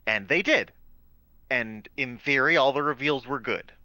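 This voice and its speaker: Bright-voiced man explaining game rules. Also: medium pitch, measured pace, no room sound. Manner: repeats words and restarts while explaining. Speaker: game master; high school teacher. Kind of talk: casual out-of-character chat about a tabletop game.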